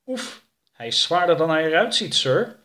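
A man doing a high, eager young deputy. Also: lively intonation, a bit bright. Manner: dutiful, quick to obey. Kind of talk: audiobook character voice.

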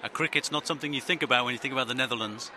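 A man hosting a podcast, asking passers-by brisk questions and narrating between interviews. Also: medium pitch, pushed and bright, a little hiss or hum. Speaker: podcast host. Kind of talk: street interviews and scripted narration.

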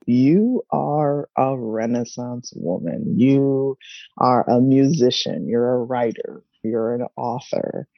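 A woman hosting a podcast interview, reading a measured scripted introduction and then chatting with her guest. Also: very deep voice, no echo, dull audio. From family from Nigeria. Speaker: podcast host.

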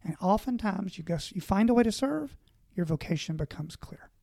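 Earnest priest giving advice. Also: male voice, high-pitched, animated, normal speed, creaky, dark tone, slight background noise. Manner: earnest, exhortative, lists points. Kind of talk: conversational advice on a panel.

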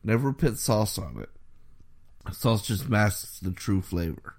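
Man, lowish voice, casual chat, enthusiastic, rambling, lots of fillers. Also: expressive, slow, vocal fry. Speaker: podcast co-host.

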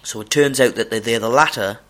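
A man's voice: mid-range voice, fairly quick, fairly bright tone. A man with a broad Scottish accent hosting a podcast solo, rambling casually, with a sweary, self-deprecating manner. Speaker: podcast host.

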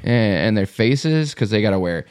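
A podcast host living in South Dakota chats casually and tells stories animatedly, swearing plenty. His voice is on the low side and smooth, at a moderate pace.

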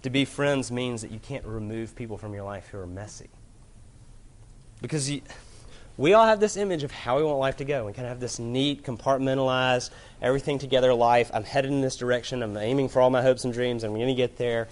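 A man preaching a sermon to a room of listeners, earnest, moving from loud emphasis to hushed gravity. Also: mid-range voice, a little fast. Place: room with an audience.

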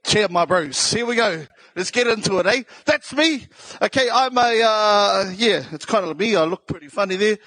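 This man's high, animated voice comes out pushed and bright at a normal speed in a dry recording. He's a South Auckland comedian from New Zealand, casually telling live stories on stage, joking at his own expense in slangy speech.

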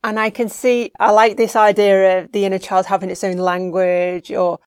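Female interviewer, mid pitch, dry recording, thoughtful and searching questions. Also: little pitch movement, moderate pace, clean tone, no room sound. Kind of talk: conversational questioning.

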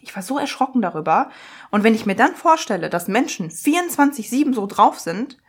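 A woman podcast host and coach telling an everyday story in a chatty, lively way, acting out other people's lines and mixing English words into her speech. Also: fairly high pitch, fairly quick, slightly rough. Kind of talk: casual storytelling monologue.

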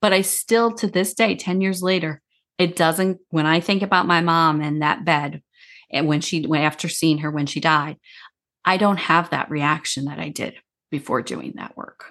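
A woman's voice: sits low, steady tone, normal speed, a bit bright. A woman grief counselor talking casually in an interview, explaining in long run-on sentences.

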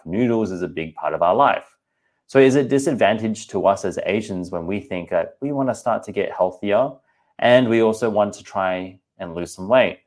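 Hosting his podcast, a personal trainer in his thirties speaks straight to listeners, relaxed and frank. He has an Australian accent and a low, darkish voice.

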